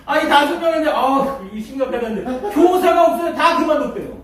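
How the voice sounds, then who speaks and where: Very high-voiced man preaching in an echoey hall. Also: a little fast. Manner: animated storyteller who acts out scenes and laughs often. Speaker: pastor giving a seminary lecture. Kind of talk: storytelling sermon lecture. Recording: echoey hall from far off, faint noise.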